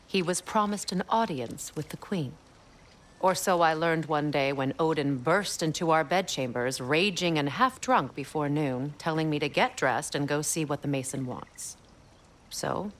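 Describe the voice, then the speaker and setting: A woman voicing a regal, weary goddess queen with a measured, storytelling manner and dry sarcasm in video game dialogue. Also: low voice, poor audio.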